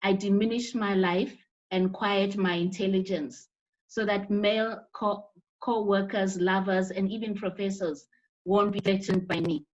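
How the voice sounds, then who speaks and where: A woman speaks earnestly over a video call whose connection keeps breaking up. She often restarts her phrases. Her voice sits at an ordinary pitch, and the audio is dull and lo-fi. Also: fairly even intonation, measured pace. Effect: choppy, breaking-up video call connection. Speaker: panelist. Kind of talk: online panel discussion. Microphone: video call microphone.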